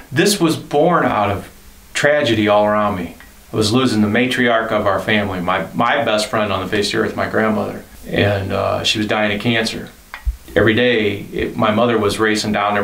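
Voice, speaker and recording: A man's voice: fairly low pitch, moderate pace, creaky, a bit bright, reverberant, rough recording. A man in his fifties who leads a band, speaking earnestly and reflectively about faith and his home studio, often repeating himself. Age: 50s. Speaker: band leader and studio owner. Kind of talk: reflective documentary interview.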